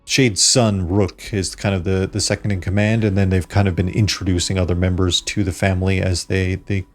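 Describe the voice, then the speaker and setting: A man narrating a tabletop role-playing game as game master, improvising exposition in a halting way. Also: low voice, flat delivery. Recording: background music under the voice.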